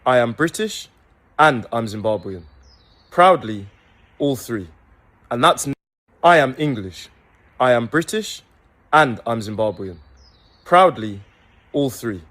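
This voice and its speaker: A man's voice: medium pitch, expressive, slow, long pauses, a bit bright. A man speaks in a mid-range voice with an emphatic, declarative rhythm, delivering a public speech. He builds his points in repeated rallying phrases.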